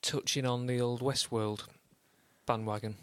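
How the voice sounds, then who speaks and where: A man's voice: medium pitch, fairly even intonation, a little slow, fairly bright tone, clear, resonant tone, no echo, clean studio sound. A man co-hosting a casual podcast, chiming in with easygoing, agreeable remarks. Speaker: podcast co-host. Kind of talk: casual chat.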